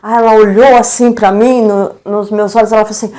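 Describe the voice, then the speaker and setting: A woman's voice: mid-range voice, brisk. A middle-aged woman with a Brazilian Portuguese accent, a guest educator telling stories in a live-stream interview and acting out the dialogue she quotes. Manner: lively storyteller, acts out quoted dialogue, frequent tag questions.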